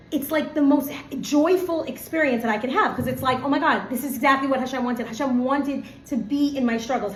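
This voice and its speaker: A middle-aged woman teaching a casual Torah lesson, animated and full of "like", acting out everyday scenes. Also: high voice. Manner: animated, acts out everyday scenes, many fillers of "like". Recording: echoey room, faint background hum.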